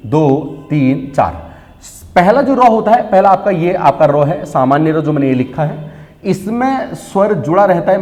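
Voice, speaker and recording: Hindi teacher quizzing his viewers, lively pitch. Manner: asks and answers his own questions, repeats key words slowly. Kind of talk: classroom-style online lesson. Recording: long reverb.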